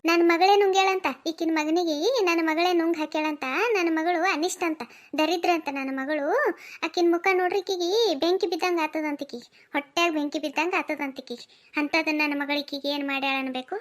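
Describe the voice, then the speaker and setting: A woman with a North Karnataka Kannada accent voicing an angry middle-aged mother who defends her widowed daughter with sharp rhetorical questions. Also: extremely high pitch, fairly even intonation, moderate pace. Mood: indignant. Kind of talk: cartoon voice acting.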